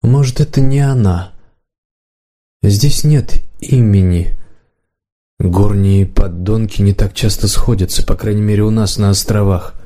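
A man voicing a powerful aging male court magician who mutters in a soft, bitter tone, in an audiobook reading. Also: on the low side, unhurried.

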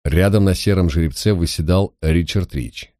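A man narrating an audiobook in a steady, even storytelling manner. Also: low voice, moderate pace, no echo, studio quality.

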